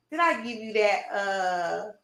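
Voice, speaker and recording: With a mid-range, somewhat bright voice, a woman running a livestream answers what her chat writes. She comes across as casual, confrontational, brash, and profane.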